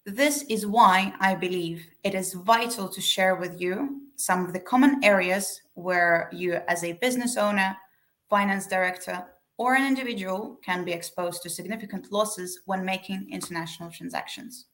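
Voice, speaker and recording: A woman's voice: mid-range voice, moderate pace, fairly bright tone. Young woman presenting a webinar. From Estonia. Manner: reads a prepared script evenly. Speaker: webinar speaker, sales manager.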